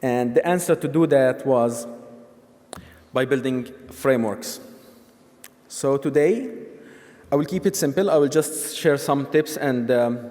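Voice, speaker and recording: A man's voice: mid-range voice, darkish tone. A middle-aged man from Syria giving a technical conference talk, explaining steadily with fillers and restarts. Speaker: conference speaker. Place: large conference hall. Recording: long hall reverb.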